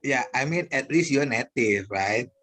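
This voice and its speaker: A man's voice: mid-range voice, lively intonation, unhurried, fairly bright tone. A man with an Indonesian accent teaching an English class, enthusiastic and chatty, laughing often and tagging his sentences with "ya". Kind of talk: casual class chat.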